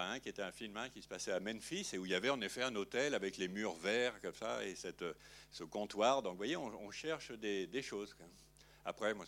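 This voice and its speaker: A man with a lowish voice, talking about his film in an interview. He rambles on in loose, unhurried sentences, circling back and filling the gaps with small tag words. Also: fairly bright tone. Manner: rambling, filler-heavy, frequent "hein". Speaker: film director. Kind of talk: interview conversation.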